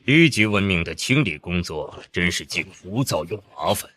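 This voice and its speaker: A man playing a contemptuous, bored alien machine exterminator in an animated drama, haughty and disdainful. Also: sits low, normal speed, slight background noise. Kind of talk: dramatic animated story acting.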